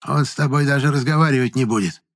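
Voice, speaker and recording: A man's voice: mid-range voice, quick pace, voice pushed up, lightly acted. A man voicing a shrewd old village fortune-teller woman who probes, commands and grieves in turn. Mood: probing. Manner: sharp, probing, commanding, then grieving.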